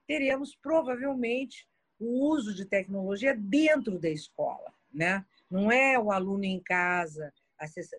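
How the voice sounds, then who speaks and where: A woman's voice: medium pitch, husky, no room sound. A woman, speaking reflectively as a guest in a panel discussion on education.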